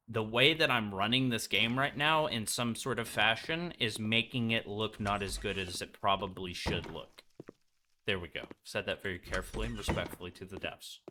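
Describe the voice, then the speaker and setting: A man's voice: lowish voice, bright, forceful tone, slight background noise. A young man streaming a game, chatting loosely and joking with his viewers. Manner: loose, joking, talks to chat. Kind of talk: casual game stream chat.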